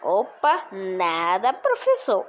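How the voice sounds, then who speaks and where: A woman voicing a cheeky schoolboy who sneaks his phone into class, talking in a squeaky, fibbing way. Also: huge pitch swings, takes it slowly, heavy background noise.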